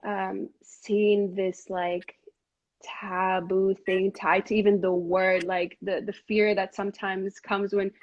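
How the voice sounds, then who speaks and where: A woman from Montreal, Canada, hosts a live video chat, speaking earnestly in a casual, heartfelt conversation full of fillers and restarts. Her mid-range voice has little pitch movement and a slow pace, picked up lo-fi by a live stream device mic.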